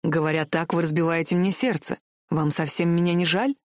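A woman voicing a young male prince who is calm, self-assured and teasing, for an audiobook. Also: on the low side, fairly quick, no room sound, clean studio sound, voice pushed down, close to an everyday voice. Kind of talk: audiobook character voice.

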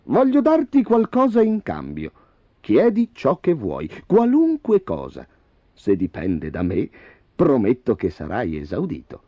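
A man's voice: medium pitch, huge pitch swings, measured pace, dry recording. A man voicing an anxious old king who is easily swayed and emotional, in a dull lo-fi audiobook recording. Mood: generous.

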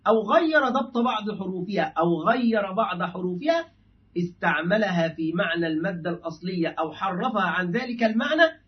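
A man's voice: high-pitched, expressive, fairly quick. A man teaching a classical Arabic linguistics text as a sheikh, explaining step by step and acting out exchanges with a student. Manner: explanatory, acts out dialogues with a student. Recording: distant muffled lecture recording.

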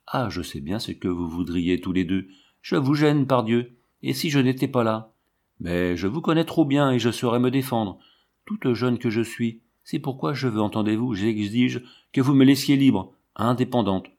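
A man's voice: mid-range voice, expressive, moderate pace, darkish tone. A man voicing a defiant teenage girl. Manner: indignant, cutting. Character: defiant fifteen-year-old girl, fierce and bold.

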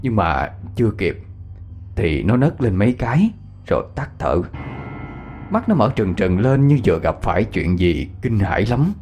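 A man narrating a ghost story in an expressive way. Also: on the low side, moderate pace, soft background music.

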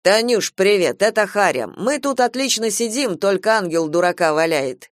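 A woman's voice: medium pitch, lively intonation, moderate pace, no room sound, clean studio sound, voice pushed up, lightly acted. A woman reading an audiobook voices an older man who chats easily and gallantly on the phone. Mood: jovial. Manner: jovial, flirtatious ease.

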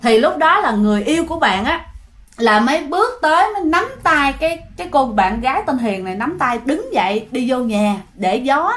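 A woman tells a ghost story in a loose, chatty manner. She keeps turning to her listeners as she goes. Her voice sits somewhat high. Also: big pitch swings, brisk, a bit bright. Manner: chatty, addresses listeners directly.

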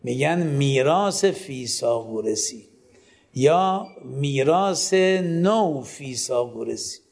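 A man's voice: mid-range voice, lively intonation, gravelly, darkish tone, husky. A man giving a classroom lecture, often asking the class a question and then answering it himself, with direct instructions to his students. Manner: poses rhetorical questions and answers them himself.

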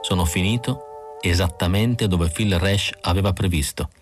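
A man narrating a novel as an audiobook reader, calm and even, in a studio. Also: deep voice, a little slow, soft background music.

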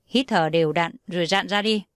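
Woman playing a brisk, commanding female doctor. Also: fairly low pitch, clear, resonant tone, no echo, clean studio sound, close to an everyday voice. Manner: curt, giving orders.

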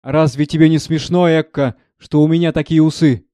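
A gruff old knight with a scarred face and a soft heart, voiced by a man. He rambles in a raised, heavy tone over a dark timbre, close and dry. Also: fairly high pitch, steady tone, normal speed, no echo, pitched above the performer's own voice, natural voice. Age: older. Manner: grieving, rambling.

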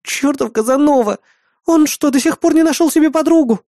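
A reader doing Bismarck, shrill bratty young woman. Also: a little fast, dark tone, no echo, clean studio sound. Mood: indignant. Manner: whiny, pleading, bossy. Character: brash childish young woman, a major.

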